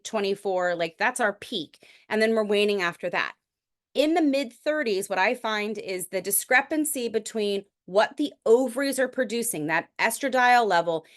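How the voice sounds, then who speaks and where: A middle-aged woman physician giving a lecture in a conversational, explanatory way, with frequent restarts. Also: a little high. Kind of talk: recorded medical lecture.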